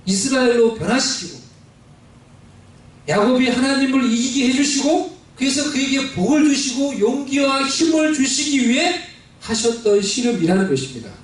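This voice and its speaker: High-voiced pastor preaching in an echoey hall. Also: male voice, distant mic. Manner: preaching with call-and-response questions and dramatized quotes. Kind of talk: sermon. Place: church sanctuary.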